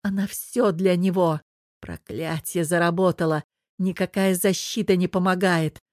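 A woman narrating an audiobook in a measured, expressive storytelling voice. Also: fairly low pitch, no echo, clean studio sound.

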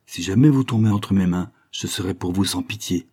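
A man voicing a proud, fierce young woman warrior who speaks with loud scorn. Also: low-pitched, flat delivery, a little fast, slightly rough. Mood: scornful, fierce.

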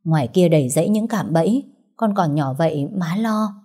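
A woman voicing a weary village mother who talks softly and with worry. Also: on the low side, animated, moderate pace. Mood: worried. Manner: soft, sighing.

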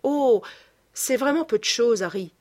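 A woman's voice: fairly high pitch, expressive, a little slow, darkish tone, voice pushed up. A woman reading aloud as a young male painter, earnest and emphatic, guarding a secret.

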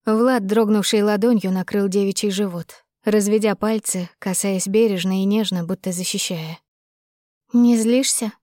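A woman narrating a romance audiobook in a calm, even manner. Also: mid-range voice, normal speed, few pauses, dry recording, studio quality. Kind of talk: scripted narration.

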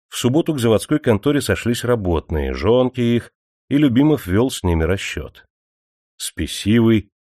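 A man reading an audiobook aloud in a slow, measured manner. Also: deep voice, darkish tone, no echo, clean studio sound. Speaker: audiobook narrator. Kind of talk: scripted narration.

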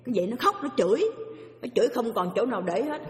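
A woman giving an animated dharma talk as a Buddhist teacher, telling stories and asking her listeners questions. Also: fairly high pitch, fast talker. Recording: echoey hall.

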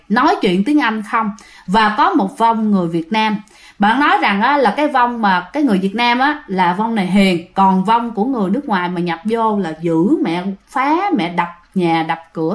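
A woman with a Southern Vietnamese accent casually telling a ghost story, chatting straight to her listeners with lots of fillers. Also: mid-range voice. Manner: chatty, addresses listeners directly, many fillers.

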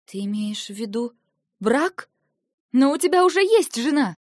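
A woman's voice: mid-range voice, steady tone, moderate pace, no room sound, studio quality, natural voice. A woman reading an audiobook, voicing a frightened and defiant young heroine whose lines are emotional and pleading. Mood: shocked. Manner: emotional, pleading, rising to shouts. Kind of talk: audiobook dialogue.

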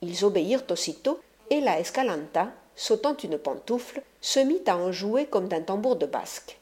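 A woman narrating a classic story as an audiobook, in a lively theatrical reading. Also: medium pitch, moderate pace. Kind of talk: scripted literary narration.

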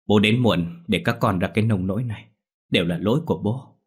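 Man voicing an anxious middle-aged uncle, quick, low, husky. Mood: distraught. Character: worried middle-aged uncle, distraught head of family.

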